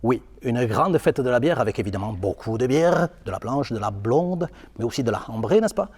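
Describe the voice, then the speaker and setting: A man's voice: medium pitch, animated, fairly quick, darkish tone, husky. A man playing a pompous male Bavarian-Belgian beer festival ambassador with a put-on German-Belgian accent, speaking formally and adding tag questions. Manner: formal, keeps adding "n'est-ce pas" and "voyez-vous". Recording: hall reverb.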